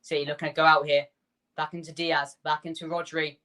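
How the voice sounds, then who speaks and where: A man hosting a fan watchalong, calling the match player by player in quick bursts and chatting with his viewers between the action. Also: fairly high pitch, flat delivery, sharp tone. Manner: rapid player-by-player calls, chatty asides to viewers. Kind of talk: live play-by-play fan commentary.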